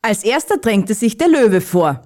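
A woman narrating a Christmas children's story in a calm, even reading voice. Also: mid-range voice, unhurried.

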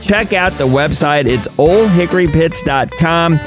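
A man's voice: a little high, soft background music. Jokey male radio co-host. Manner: jokey, laughing, quick asides. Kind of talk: casual radio talk show chat.

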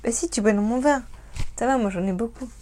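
A woman's voice: on the high side, mellow. Tipsy, chatty woman. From France. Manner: chatty, laughing, speaks fast. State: tipsy from wine. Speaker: livestream co-host. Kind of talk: casual livestream chat.

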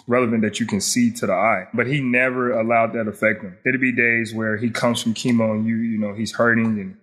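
A man's voice: mid-range voice, fairly even intonation, a little fast, a bit bright. A young man, an interview guest, recalls a personal loss in a reflective way, often saying "you know".

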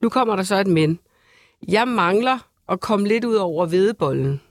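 A woman's voice: mid-range voice, lively intonation, dry recording, studio quality. A woman, a panel guest, giving her views emphatically. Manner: emphatic, opinionated. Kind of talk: casual talk-show chat.

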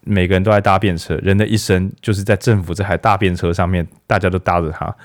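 A man's voice: deep voice, flat delivery, fast talker. A man hosting a casual book talk, chatty and joking, firing off rhetorical questions. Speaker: podcast host of a book talk.

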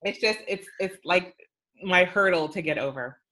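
A woman's voice: lowish voice, normal speed, pushed and bright. A middle-aged woman talking casually on a podcast about social media platforms, emphatic and chatty, with many fillers.

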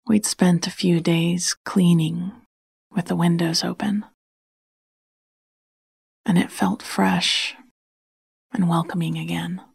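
A woman hosting a sleep podcast, telling a bedtime story in a soft, breathy half-whisper with a slow, soothing manner. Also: lowish voice, level tone, no room sound, clean studio sound.

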